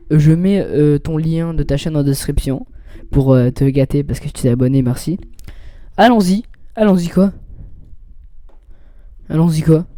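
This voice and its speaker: A man's voice: fairly high pitch, warm tone, no room sound. A young man giving casual, rambling commentary while playing a video game, reading game text aloud. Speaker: gaming youtuber.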